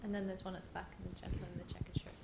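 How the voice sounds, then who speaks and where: Brisk woman chairing from across a room. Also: on the low side, little pitch movement, gravelly. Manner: brisk, directing questions from the floor. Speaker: event chair. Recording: roomy hall with background noise.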